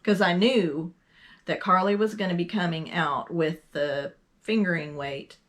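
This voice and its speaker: A woman from Texas co-hosting a casual podcast, chatting slowly with frequent ums and trailing sentences. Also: fairly low pitch, steady tone. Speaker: podcast co-host. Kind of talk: casual knitting podcast chat.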